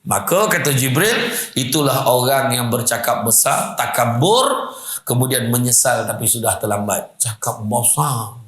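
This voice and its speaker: A man giving a lively religious lecture, telling stories and acting out the people in them with big swings of pitch. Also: normal speed, roomy sound. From Malaysia. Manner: animated, swings pitch widely, acts out quoted people. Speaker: preacher. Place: madrasah hall.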